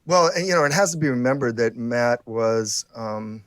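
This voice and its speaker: A man's voice: medium pitch, expressive, moderate pace, no echo, clean studio sound. A man co-hosting a podcast, talking casually and rambling with many restarts and fillers. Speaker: podcast co-host. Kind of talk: casual conversation.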